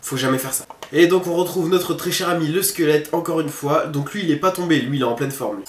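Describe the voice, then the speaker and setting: A man's voice: on the high side, fairly quick. Casual male gamer commentating in an echoey room. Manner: informal, thinks aloud, addresses viewers. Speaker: gamer hosting a horror game video. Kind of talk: casual let's-play commentary. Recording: roomy echo, faint background noise.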